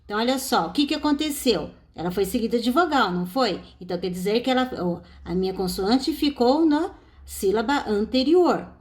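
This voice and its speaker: Brazilian woman teacher, fairly high voice, sing-song delivery, explains step by step. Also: expressive, fairly quick, darkish tone. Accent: Brazilian Portuguese. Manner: explains step by step, stressing example words. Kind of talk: recorded online class.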